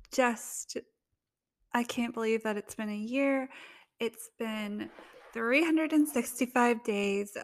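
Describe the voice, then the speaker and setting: Slow, gushing woman podcast host. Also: a little high, no echo, studio quality. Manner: gushing and emotional, with soft laughs and fillers. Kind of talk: casual heartfelt monologue.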